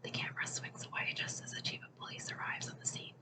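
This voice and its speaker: Hushed whispering ASMR book reader. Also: quick pace. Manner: hushed, unvoiced whisper throughout.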